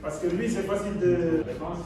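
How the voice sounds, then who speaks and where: A man's voice: sits high, fairly even intonation, brisk. Man speaking off the cuff, echoey. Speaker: military officer addressing a ceremony. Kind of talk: unprepared formal thank-you speech. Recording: echoey room, distant mic, clear noise.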